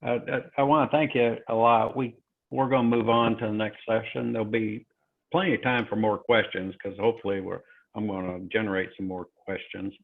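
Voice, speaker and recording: A man moderating an online session, talking haltingly with many fillers over a crackly phone-like line that fades in and out. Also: on the low side, flat delivery, creaky. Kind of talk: presenting talk on a virtual call. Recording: tinny phone-like call audio.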